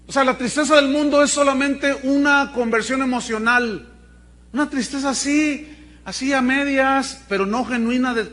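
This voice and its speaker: Man, Mexican accent, pastor, sermon, animated storytelling, high voice. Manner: animated, colloquial, humorous storytelling.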